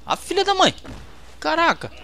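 A man with a Brazilian accent giving excitable, trash-talking commentary while playing a fighting game. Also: extremely high pitch, moderate pace. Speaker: gameplay host. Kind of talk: let's-play commentary.

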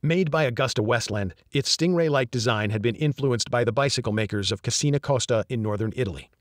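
A man reading a first-person thriller audiobook in an even, measured storytelling manner. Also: medium pitch, no echo, clean studio sound. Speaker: audiobook narrator.

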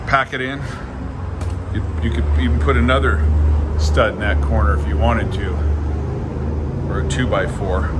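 A man walks through a bare wood-framed building, filming on a phone and explaining things to his viewers in a folksy, repetitive way. His voice sits a little low. A steady air-conditioning hum runs clearly under the whole recording. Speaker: construction walkthrough guide. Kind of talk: casual filmed site walkthrough. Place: unfinished framed building, indoors.

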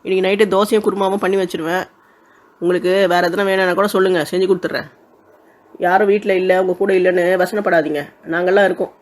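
A performer playing a kind elder sister who calms a quarrel and offers food in a comic village skit. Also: medium pitch, fast, close to an everyday voice. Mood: kindly. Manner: soothing, scolding her sister gently, generous.

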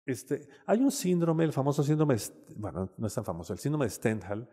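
This panelist, a man with a Mexican Spanish accent, talks casually through slides on literature and mental health in a campus lecture room, filling his speech with "este" and "¿no?". His mid-range voice swings widely in pitch, is brisk and dark-toned with a breathy edge, and the hall reverberates.

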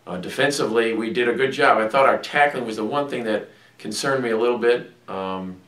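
A man's voice: medium pitch, a little fast, a bit bright. A middle-aged man, a head football coach, giving plainspoken postgame remarks to camera, stumbling through restarts and fillers. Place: small indoor room before a team logo backdrop. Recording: roomy echo, mic at a distance.

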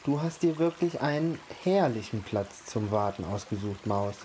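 A man reading aloud and voicing a sociable turtle in a picture book, friendly and unhurried. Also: fairly low pitch, animated, darkish tone, slight background noise, natural voice. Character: warm, sociable old turtle.

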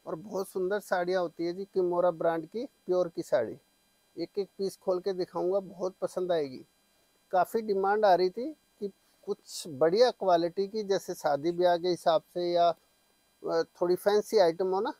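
A middle-aged man giving an eager teleshopping-style sales pitch, full of repeated assurances, as he presents products on a lapel mic. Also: steady tone, normal speed, warm tone, no echo, rough recording. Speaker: saree shop seller and presenter. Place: small saree shop, indoors. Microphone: clip-on lapel mic.

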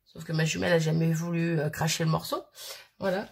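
A woman's voice: low-pitched, level tone, fairly quick, gravelly, slightly rough. A woman in her thirties chatting casually as she unboxes a birthday parcel, rambling and giggly, with a sniffly nose. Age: 30s. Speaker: crafting vlogger.

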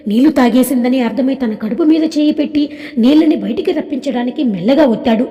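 A woman reads a scripted story aloud, calm and even in her storytelling, her high voice moving fast. A long, echoing reverb surrounds it.

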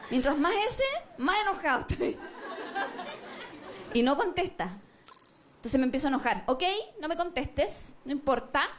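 A Chilean woman with a high, bright voice performs stand-up on a comedy stage, animatedly acting out both partners in her stories. The audience's noise is clearly audible behind her stage mic. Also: moderate pace, long pauses. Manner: animated storytelling, acting out both sides of a couple.

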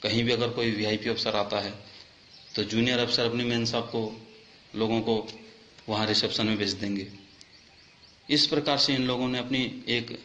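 A man's voice: medium pitch, bright, forceful tone, echoey room, a little hiss or hum. A man speaking as a soldier, making an impassioned, accusing complaint that rises in anger. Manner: indignant, accusing, rising in anger.

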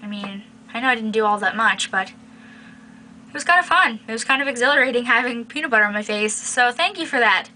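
A woman's voice: a little high, lively intonation, a little fast, sharp tone. A young adult woman chatting casually and playfully to camera as a video blogger, recorded in a small bedroom on the camera's mic. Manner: playful, teasing. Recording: noisy home webcam-style recording.

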